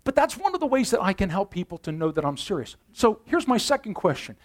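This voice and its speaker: Conversational pastor with a lively voice. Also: male voice, sits high, fast. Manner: conversational, shifts between loud emphasis and quiet intensity. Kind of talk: sermon.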